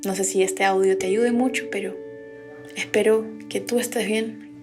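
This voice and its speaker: A woman giving a reflective, gentle personal message. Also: mid-range voice, fairly even intonation, brisk, over music.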